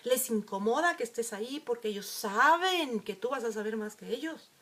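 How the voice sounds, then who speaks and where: A woman's voice: on the high side, normal speed. Woman telling a vivid story. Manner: storytelling, animated with acted quotes. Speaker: emotional wellbeing speaker. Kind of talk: reflective talk to camera.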